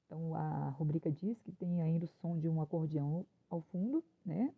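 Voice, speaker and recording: A woman's voice: deep voice, moderate pace, gravelly, slightly rough. A woman teacher reads a children's play aloud to her class and explains its stage directions, adding short tag questions. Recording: tinny phone-like audio.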